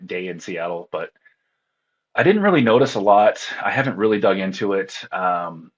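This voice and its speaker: Short on sleep and groggy, this man is interviewed about his work as a contest radio operator, chatting in a weary, meandering way punctuated by frequent laughter. He speaks at a moderate pace in a low, animated voice over dull audio.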